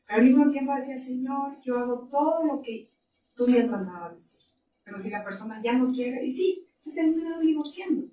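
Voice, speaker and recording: A woman's voice: high-pitched, a little fast, dark tone, a little hiss or hum. A middle-aged woman in ministry, telling stories animatedly in an interview and laughing often. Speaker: ministry leader. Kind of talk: interview conversation. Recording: roomy, distant mic, faint ambience.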